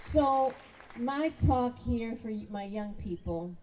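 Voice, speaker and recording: A woman's voice: on the high side, expressive, takes it slowly, darkish tone, a faint crowd, a little hiss or hum, rough recording. A woman school principal giving a heartfelt, emotional graduation speech into a podium microphone. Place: graduation ceremony.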